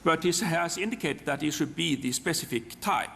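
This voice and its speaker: A man with a Norwegian accent presents a technical software demo in English, his second language. His voice is gravelly and slightly high, and he speaks haltingly, repeating words and starting over. Long hall reverb surrounds him. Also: animated, a little hiss or hum. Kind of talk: live technical demonstration talk.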